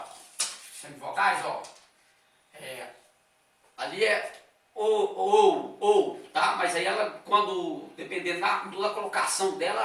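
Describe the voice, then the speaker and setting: Teacher, male, high pitch, bright edge, leisurely lecturing pace; recorded far off in a roomy, reverberant space. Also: vocal fry. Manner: explains step by step, with frequent "tá?" and "ó" checks. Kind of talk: classroom lecture. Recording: echoey room, voice from a distance.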